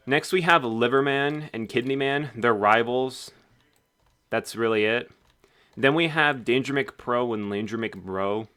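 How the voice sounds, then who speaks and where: A man's voice: fairly low pitch, pushed and bright, clean tone. A man casually narrating a game devlog in a rambling, offhand way. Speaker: game developer.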